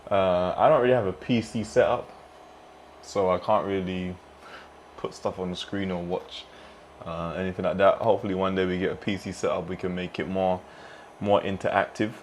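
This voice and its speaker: A man with a very low, deep voice talks in a loose, rambling way, often dropping in "man" and "you know". It sounds like a relaxed vlog, with faint noise behind him. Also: normal speed. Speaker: fitness vlogger and streamer. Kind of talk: casual mukbang vlog chat.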